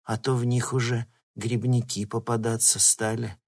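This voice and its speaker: Shy village kid in an audiobook, husky murmur; a man voices him. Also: medium pitch, level tone, normal speed, darkish tone, pitched above the performer's own voice, lightly acted. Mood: dazed. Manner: murmuring and hesitant. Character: timid, shaken village kid. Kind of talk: audiobook reading.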